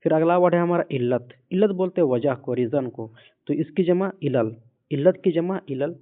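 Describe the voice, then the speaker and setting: A man patiently teaching a word list, saying each word and repeating it slowly. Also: a little high. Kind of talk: vocabulary lesson. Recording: phone-like lo-fi audio.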